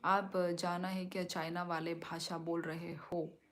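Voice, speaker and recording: A young woman from Tripura in northeast India, a native Kokborok speaker, chatting slowly on a live stream as she reads viewer comments aloud and answers them. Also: fairly low pitch, little pitch movement, a bit bright.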